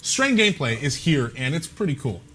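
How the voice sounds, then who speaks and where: A man's voice: a little high, very animated, normal speed, a bit bright, a little hiss or hum. A man hosting a live gameplay talk show, upbeat and jokey with plenty of fillers. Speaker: show host.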